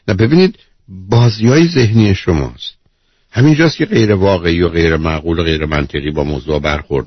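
A man's voice: on the low side, slightly rough, no echo, highs cut off. A man hosting a call-in advice show, bluntly interrupting and lecturing the caller. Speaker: radio advice host. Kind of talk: call-in counselling.

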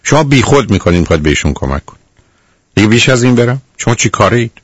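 A man's voice: mid-range voice, sing-song, husky, dry recording, clean studio sound. A man hosting a radio call-in advice show, lecturing a caller sternly and calling them dear again and again. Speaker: radio counselor.

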